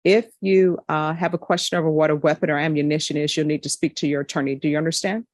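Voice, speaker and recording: A woman's voice: sits low, steady tone, no room sound. A woman judge speaking firmly and directly at a courtroom hearing, addressing defendants. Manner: firm, measured, direct.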